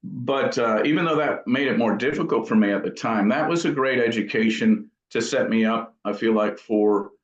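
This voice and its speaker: This middle-aged amp builder has a mid-range voice and talks at a moderate pace with few pauses, though he hesitates while recalling the past. His interview answers are easygoing and reflective, recorded with a roomy, dull, lo-fi quality.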